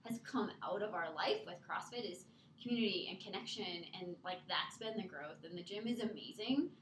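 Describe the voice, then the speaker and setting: A woman's voice: lowish voice, normal speed, a bit bright. A woman guest, a gym owner, telling stories casually in a chatty, joking way. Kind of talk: casual conversational storytelling. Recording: roomy echo, faint noise.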